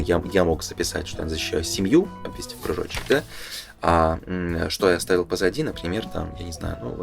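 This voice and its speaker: A man with a deep, gravelly voice reads through a game booklet, offering casual, unscripted explanations as he hesitantly thinks aloud.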